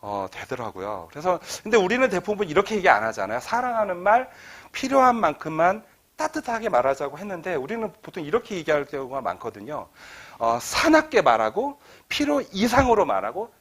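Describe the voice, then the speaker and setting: A man's voice: high-pitched, brisk, few pauses. A middle-aged man giving an author talk to an audience, telling stories and acting out quoted dialogue. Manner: animated storytelling, acts out quoted dialogue. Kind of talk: lecture to an audience. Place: lecture hall.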